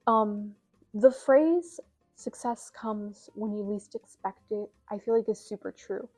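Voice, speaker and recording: A woman's voice: medium pitch, slow, warm tone, soft background music. Rambling young woman vlogger, slightly breathless. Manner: rambling, filler-heavy, self-deprecating. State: slightly out of breath, scratchy throat. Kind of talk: casual chat to camera.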